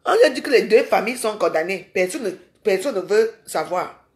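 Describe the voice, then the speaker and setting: A woman's voice: mid-range voice, animated, a little fast, darkish tone. A woman ranting in a live social media video. She is confrontational and scolding and keeps firing rhetorical questions at her viewers.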